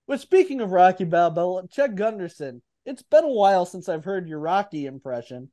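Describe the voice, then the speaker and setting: A man's voice: high voice, big pitch swings, normal speed, mellow. Jokey man hosting a podcast. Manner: jokey, teasing. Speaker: podcast host. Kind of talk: casual chat.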